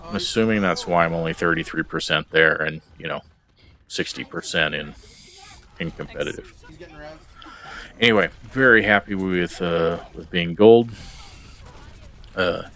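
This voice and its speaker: A man's voice: deep voice, a little slow, pauses often, a bit bright. A man recording a casual video log about his game stats, rambling and hesitant with plenty of ums and uhs. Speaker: gamer vlogger.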